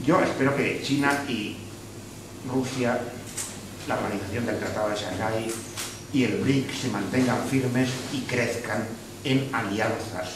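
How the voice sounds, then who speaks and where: A man with a Spanish accent gives his views at a public debate after a screening, pausing and restarting as he goes. He sounds far from the microphone in a very echoey hall. A noisy room hum sits under his voice. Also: mid-range voice. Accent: Spanish from Spain. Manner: hesitant, with restarts, opinionated. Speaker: speaker at a public discussion. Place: hall of a social club.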